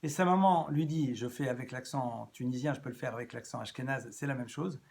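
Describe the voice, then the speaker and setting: A man giving an evening lecture as a rabbi, animated, swinging between loud rises and soft drops and repeating phrases as he thinks. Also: mid-range voice, a little fast, vocal fry. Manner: repeats and restarts phrases as he talks.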